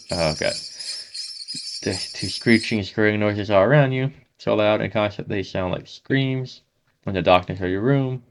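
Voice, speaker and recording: A man reading a horror text game aloud as a gaming host, saying the sound effects out loud as he goes. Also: lowish voice, vocal fry. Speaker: gaming YouTuber.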